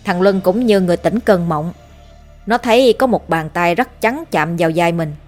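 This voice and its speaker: A woman reading a horror story aloud in a measured, somber narration. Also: lowish voice, darkish tone, faint music behind.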